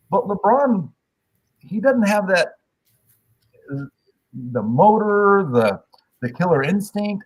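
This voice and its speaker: A man guesting on a sports podcast, telling opinionated stories in a casual, animated way. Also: mid-range voice, slightly rough, poor audio.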